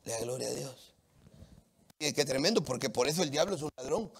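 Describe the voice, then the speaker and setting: A man from Latin America preaching a sermon, animated and emphatic, with humorous anecdotes from the street. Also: mid-range voice, brisk, creaky, husky.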